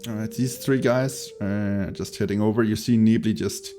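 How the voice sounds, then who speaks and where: A man's voice: on the low side, steady tone, moderate pace, mellow, soft background music. A man narrating a tabletop fantasy game as game master, improvising and hesitantly searching for words.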